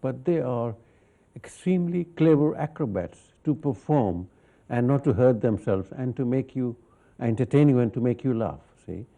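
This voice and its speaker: A man's voice: mid-range voice, moderate pace. A man hosting a talk show, asking questions with stammering restarts and frequent murmured agreement. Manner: stammering restarts, steady backchanneling. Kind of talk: conversational interview.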